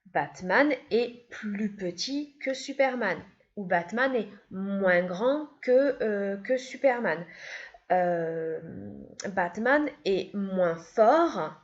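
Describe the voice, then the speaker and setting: A woman's voice: medium pitch, animated, extremely slow. A woman teaching an English grammar lesson, patiently repeating each step. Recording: dull, lo-fi sound.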